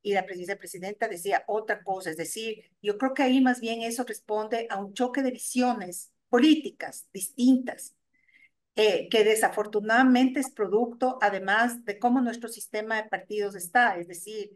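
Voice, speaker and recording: A middle-aged woman, an organization's director, explaining her views in a radio interview, pausing and restarting often as she thinks. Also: medium pitch. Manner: thoughtful, many hesitations and restarts. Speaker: guest, NGO executive director.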